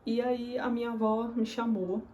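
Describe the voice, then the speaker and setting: A woman's voice: a little high, little pitch movement, normal speed, dark tone, a little hiss or hum. Young woman confiding a personal story. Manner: earnest, confiding, acts out remembered dialogue. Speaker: vlogger.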